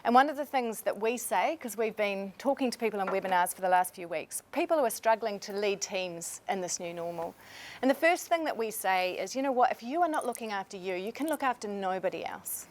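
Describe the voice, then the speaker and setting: A woman with a voice of middle pitch makes an earnest, persuasive case to leaders in a webinar. Her delivery is heartfelt and at times emotional. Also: expressive, fairly quick. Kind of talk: motivational webinar talk.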